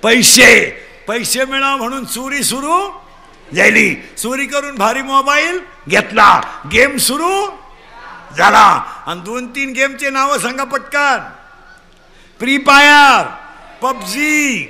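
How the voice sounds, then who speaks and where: A man from Maharashtra delivering a comic devotional sermon, loudly quizzing his audience and urging them to shout back answers. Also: extremely high pitch, animated, measured pace, hardly any pauses. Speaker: kirtan preacher.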